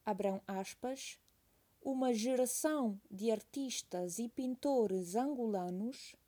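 A woman's voice: on the high side, slow pace, mellow. A woman teacher reading a text aloud as a dictation, saying each phrase twice and calling out the punctuation.

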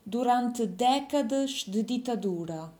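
A woman's voice: on the high side, lively intonation, takes it slowly, mellow. A woman reading a dictation, saying each phrase twice and calling out the punctuation. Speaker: dictation teacher.

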